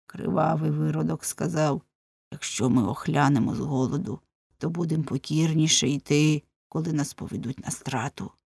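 A woman's voice: sits low, moderate pace, creaky, darkish tone, husky, no echo, full character voice. A woman voicing a gloomy, fearful man in prison, speaking in a resigned way in a storybook reading.

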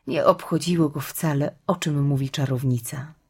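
Low husky woman narrating a story. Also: normal speed. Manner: steady, grave storytelling, drops to a whisper at hushed moments. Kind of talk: audiobook narration.

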